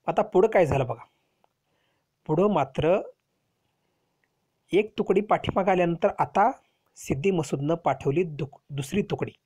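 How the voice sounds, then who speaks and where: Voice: mid-range voice, a little mellow, husky. A teacher telling a history lesson to children, explaining step by step and asking rhetorical questions.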